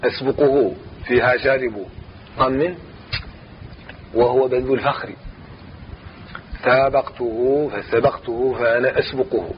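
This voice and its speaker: Man slowly reciting and explaining grammar. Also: mid-range voice, steady tone, dull audio, slight background noise. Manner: slow measured recitation, repeats phrases. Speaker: teacher. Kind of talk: Arabic grammar lesson, reciting and explaining verse.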